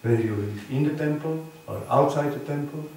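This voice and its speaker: A man's voice: a little high, fairly quick, a little mellow, a little hiss or hum. A man giving an earnest sermon on scripture in a temple, quizzing his listeners with short tag questions. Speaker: temple preacher. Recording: very echoey hall, distant mic.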